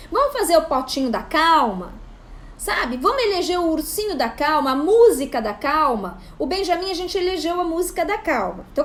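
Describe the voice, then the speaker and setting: Animated high-voiced mom giving parenting advice. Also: female voice. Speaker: psychopedagogue and parenting channel host. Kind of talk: casual advice talk to camera.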